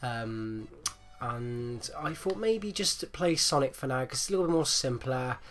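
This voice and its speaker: Male gaming host, mid-pitched, chesty and phlegmy as if getting over flu, rambling casual delivery over music. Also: animated, a little slow, fairly bright tone. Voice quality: rattly, chesty, congested voice. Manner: hesitant, rambling, repeats himself. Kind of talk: casual gameplay commentary.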